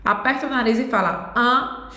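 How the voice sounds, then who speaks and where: A woman's voice: a little high, normal speed, pushed and bright. Patient woman teaching pronunciation, echoey. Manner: patient, explains step by step. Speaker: French teacher. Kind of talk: pronunciation lesson. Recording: echoey room.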